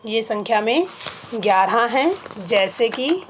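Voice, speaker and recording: A woman with a slightly high voice teaching children a grammar lesson at a slow, careful pace. She repeats each item patiently, one by one. Faint noise hums behind her voice. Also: animated. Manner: patient, spells things out slowly with repetition.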